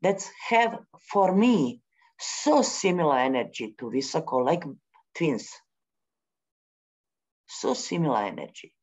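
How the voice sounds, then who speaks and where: Woman speaking slowly and animatedly. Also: deep voice, expressive, darkish tone, slightly rough. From Bosnia. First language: Bosnian. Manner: halting, searching for words with many pauses; non-native English grammar. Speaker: forum speaker. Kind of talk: spontaneous spiritual talk. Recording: dull lo-fi recording.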